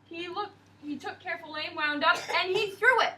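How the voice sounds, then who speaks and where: A young woman teacher reads a picture book aloud to her class in an expressive, sing-song manner, pausing to ask questions. Her voice is very high-pitched at a normal speed, and she sounds far from the mic.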